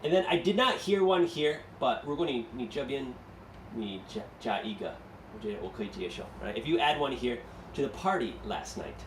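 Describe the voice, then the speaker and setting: A man's voice: mid-range voice, animated, brisk, slight background noise. Man, English teacher, classroom lesson, explains step by step, echoey, distant mic. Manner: explains step by step, asks students questions. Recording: echoey room, mic far off.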